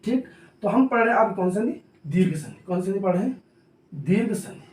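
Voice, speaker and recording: A man's voice: sits high, expressive, fairly quick, darkish tone. Man teaching a repetitive classroom lesson. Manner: repetitive call-and-answer questioning; says he talks hurriedly. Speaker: coaching teacher. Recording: roomy echo, mic at a distance.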